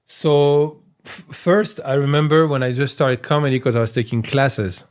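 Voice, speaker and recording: A man from France with a French accent chats casually as a comedian guest on a podcast, speaking at normal speed in a smooth, mid-range voice. An animated storyteller, he tells stories with energy and acts out the voices of people he quotes.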